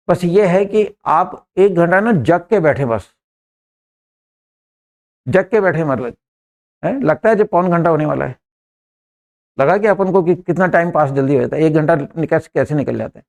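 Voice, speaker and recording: A man's voice: a little high, darkish tone. A man teaching an English grammar lesson in a classroom, repeating words and often checking that his students understand.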